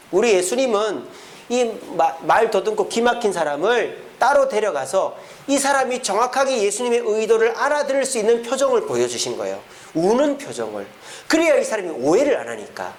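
Lively middle-aged male pastor preaching. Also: on the high side, slight background noise. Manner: lively preaching, acting out quoted parents and children. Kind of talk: sermon. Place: church.

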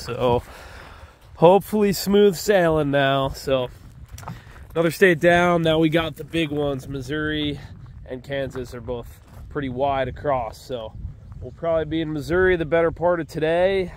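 A motorcycle travel vlogger in his thirties with a slightly high voice narrates casually on the road, by roadsides and a riverbank, filming with an action camera or phone at arm's length, sometimes helmet-mounted. Stuffed up from allergies, he rambles easily with frequent "uh"s and praising asides, faint wind noise behind him.

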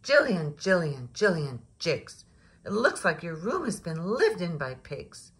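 A woman's voice: on the low side, sing-song. Woman playing an exasperated, scolding storybook mother. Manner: loud, drawn-out emphatic scolding. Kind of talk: children's storybook read-aloud.

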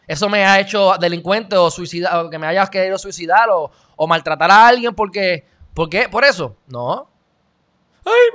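A commentary show host from Puerto Rico delivers an opinionated monologue in Puerto Rican Spanish. His voice is on the high side, bright and forceful, and his manner is blunt and lecturing.

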